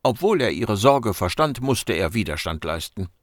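A man narrating a science fiction audiobook with expressive storytelling. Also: on the low side, moderate pace, no echo, studio quality. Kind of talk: scripted narration.

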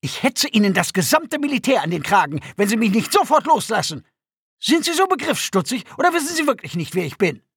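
A pampered alien aristocrat shrieks his outrage in a high, piercing voice with a gravelly edge. He is haughty and indignant, demanding and loud. The audiobook sound is dry and close. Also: very animated, fairly quick, dry recording, exaggerated voice. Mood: outraged.

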